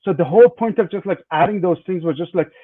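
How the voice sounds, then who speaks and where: Guy practicing his startup sales pitch, kinda high voice, rambly with tons of likes, sounds like a phone call. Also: quick pace. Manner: says "like" and "just" constantly. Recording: narrow phone-like call audio.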